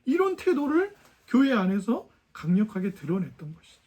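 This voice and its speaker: A man's voice: high-pitched, huge pitch swings, moderate pace, darkish tone. A male pastor preaching a Sunday sermon, talking to the congregation in a conversational way and firing off rhetorical questions. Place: church sanctuary.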